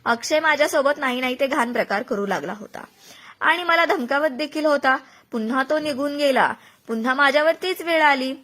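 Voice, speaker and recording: A woman narrates a dramatic story in the first person, recounting each exchange in turn. Her voice sits high and comes across bright and forceful. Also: moderate pace. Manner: recounts events, voicing others' words within her telling.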